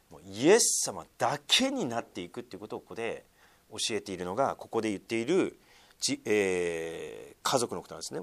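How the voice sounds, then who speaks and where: A man preaching a sermon to a congregation, with frequent fillers, sometimes calling on listeners directly. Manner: lively swings in pitch and loudness, many fillers, asks congregation. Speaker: pastor.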